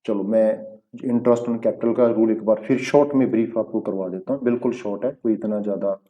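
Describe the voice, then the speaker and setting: A man's voice: on the low side, steady tone, a little fast, dark tone, dull audio. A man teaching an accountancy lesson, explaining rules step by step, asking checking questions and mixing English terms into his talk. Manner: mixes English terms into Hindi speech. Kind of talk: recorded classroom lesson.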